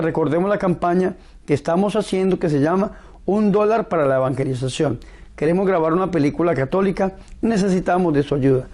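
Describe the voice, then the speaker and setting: Higher-voiced male priest preaching. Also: warm tone. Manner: solemn, pastoral, deliberate phrasing. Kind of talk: devotional sermon and prayer.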